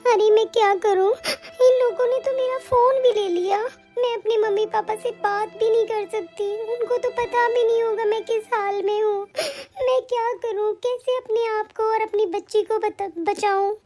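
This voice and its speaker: A woman's voice: very high voice, normal speed, a bit bright, faint music behind. Woman voicing a wronged young wife. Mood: desperate. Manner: defiant, aggrieved. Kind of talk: animated cartoon voice acting.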